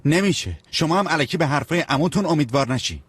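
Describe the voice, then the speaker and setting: An actor playing a widowed father who speaks calmly and firmly to his children, in a dubbed TV drama. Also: fairly high pitch, husky, no room sound. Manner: calm, firm, gentle to his children. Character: grieving widowed father, calm and firm.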